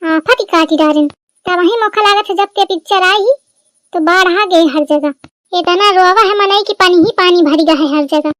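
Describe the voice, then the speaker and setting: A woman voicing a quarrelsome elder sister-in-law in a cartoon, with a sharp, bickering manner. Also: very high voice, normal speed, no room sound, clean studio sound.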